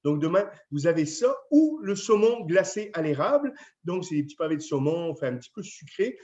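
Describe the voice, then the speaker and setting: French guy, a chef, chatting away with lots of euhs, high-ish voice, muffled sound. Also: big pitch swings, fairly quick, darkish tone. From France. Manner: chatty, friendly, with many fillers. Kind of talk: casual address to residents. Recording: dull lo-fi video sound.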